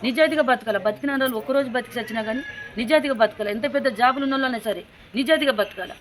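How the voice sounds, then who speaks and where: A woman's voice: high-pitched, racing, slight background noise. A distraught woman with a Telangana Telugu accent, a grieving mother pleading insistently for justice in an interview. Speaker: grieving mother of a murdered daughter. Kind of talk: emotional interview testimony.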